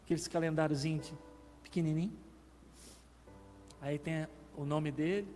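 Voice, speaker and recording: Sharing his personal testimony as a guest preacher, a Brazilian man speaks at a moderate pace in a slightly high, darkish voice with fairly even intonation. He acts out the dialogue vividly, recorded in a reverberant church sanctuary where faint music plays.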